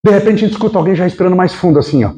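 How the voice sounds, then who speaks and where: A Brazilian man giving a spiritist sermon, telling stories in a lively way and putting questions to the audience. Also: sits high, rapid-fire. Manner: storytelling, animated, acts out quotes, asks the audience. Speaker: spiritist lecturer.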